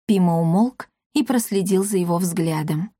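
A woman's voice: fairly low pitch, normal speed, warm tone, dry recording, clean studio sound. Woman narrating a storybook. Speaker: audiobook narrator. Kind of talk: scripted narration.

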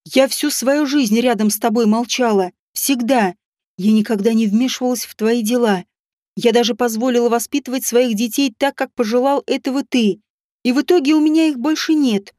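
A woman reads a desperate empress in a fantasy audiobook, her voice on the higher side and charged with emotion. She pleads and shouts in turn, recorded close and dry. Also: moderate pace, dry recording, close to an everyday voice. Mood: accusing. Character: distraught empress, desperate and defiant.

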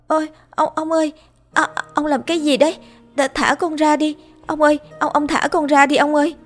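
A woman voicing a timid young female servant girl in a spoken horror story, speaking humbly and begging in a high, frightened voice. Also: fairly even intonation, moderate pace, warm tone, soft background music, lightly acted. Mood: terrified pleading.

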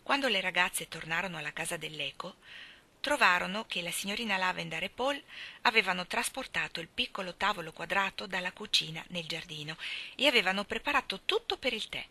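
A woman reading a classic novel aloud as an audiobook, expressive and lightly voicing the characters. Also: on the low side, fairly quick. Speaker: audiobook reader. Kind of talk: storybook narration with character voices.

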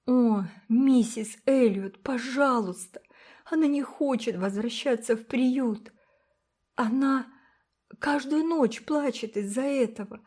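A woman voicing a timid little girl who pleads earnestly in a high, gentle voice. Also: slow pace. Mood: pleading.

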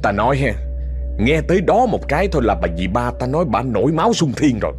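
A man's voice: medium pitch, sing-song, quick pace, darkish tone, soft background music. Southern man telling a story. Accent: Southern Vietnamese. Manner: chatty, addresses listeners directly. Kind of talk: casual oral storytelling.

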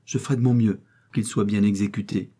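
Guy reading as a fussy worried old housekeeper lady, dark soft voice, storybook. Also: on the low side, steady tone, a little fast, breathy edge. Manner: fretful and worried. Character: anxious elderly female housekeeper.

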